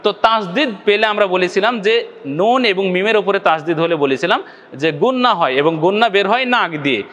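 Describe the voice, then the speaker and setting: A man's voice: high voice, animated, fast, fairly bright tone, long reverb tail, muffled recording. A man with a Bangladeshi Bengali accent teaching Quran recitation in a video lesson, patiently repeating each point and checking that viewers follow.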